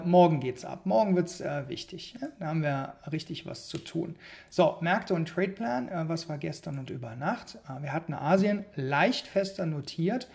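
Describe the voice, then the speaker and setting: A man's voice: fairly high pitch, gravelly, a little mellow. A man hosting a casual morning market briefing, his voice giving out, mixing English trading jargon into informal commentary.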